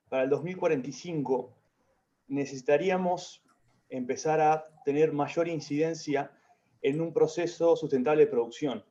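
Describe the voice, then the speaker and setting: A young Uruguayan man lays out his points on an online panel in a measured way, with pauses and fillers. His mellow voice comes through dull, lo-fi video-call audio. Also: medium pitch. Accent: Uruguayan Spanish. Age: young adult. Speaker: youth party activist panelist.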